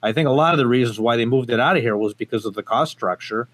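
On a laid-back podcast interview, a gun company guest with a mid-range, fairly bright voice talks fast and with emphasis. Portugal-born and US-raised, he leans heavily on fillers and frequently restarts.

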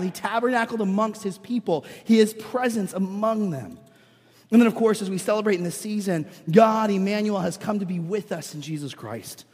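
An American man preaching to a congregation in an informal, earnest way, his voice froggy and hoarse from being under the weather. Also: sits high, a little mellow. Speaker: lead pastor. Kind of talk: sermon to a congregation. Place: church, speaking live to congregation. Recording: reverberant large-room sound.

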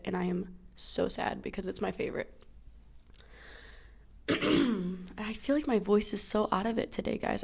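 A woman's voice: medium pitch, creaky, a little mellow. A young woman hosting a casual solo podcast in a groggy morning voice, telling a travel story in a chatty, self-deprecating way on a clip-on mic in a small study room. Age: young adult. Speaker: podcast host. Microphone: small clip-on lapel mic.

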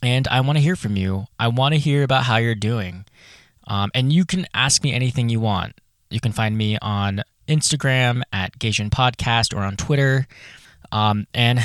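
A man's voice: medium pitch, clean tone, dry recording, studio quality. A man hosting a solo podcast in a casual, candid, chatty way, recorded in a small closet full of clothes. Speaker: podcast host.

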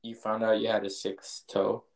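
A man's voice: lowish voice, monotone, normal speed, creaky. A young man chatting casually and dropping in jokey interjections. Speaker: podcast co-host. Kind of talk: casual chat.

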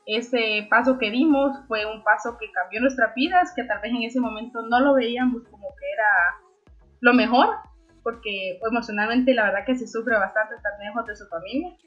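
A woman's voice: fairly high pitch, moderate pace, a bit bright, lo-fi sound, faint music behind. A woman in her twenties from Honduras, a young entrepreneur answering interview questions with frequent fillers and restarts. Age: 20s. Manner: hesitant, many fillers and restarts.

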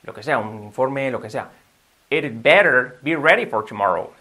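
A man with a Spain Spanish accent teaches a video lesson in an upbeat, patient way. His voice sits at a middle pitch with a bright, ringing edge. He explains steadily, like a teacher used to talking to the camera. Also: lively intonation, normal speed. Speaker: language teacher.

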